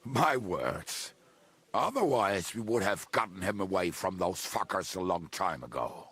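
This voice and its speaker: An actor playing a bitter, gruff henchman in a video game, heavily drunk, with a gravelly voice. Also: low voice, expressive, unhurried, a bit bright, full character voice. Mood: resigned. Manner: blackout drunk, slack drunken speech. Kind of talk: video game dialogue acting.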